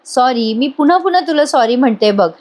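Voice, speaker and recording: A woman gives an earnest young heroine whose high voice pleads and apologizes. It is a voice-over retelling of a TV serial. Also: expressive, fairly quick, darkish tone. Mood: apologetic. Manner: pleading and emotional.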